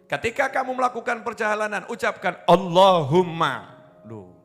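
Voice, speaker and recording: A man preaches to a gathering, mixing humor with emphatic, loud peaks. His voice sits fairly high. Faint instrumental music plays underneath. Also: normal speed. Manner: animated, rises to loud emphatic peaks, playful asides to audience. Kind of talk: sermon with humor.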